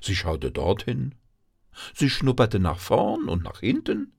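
A man reading a bedtime story aloud in an expressive, playful way. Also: lowish voice, slow pace, gravelly, breathy edge, dry recording, clean studio sound.

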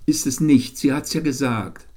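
A man's voice: medium pitch, moderate pace, darkish tone, voice pushed up, close to an everyday voice. A man voicing a curious, stubborn little girl, the younger sister, in a bedtime story reading. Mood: insistent.

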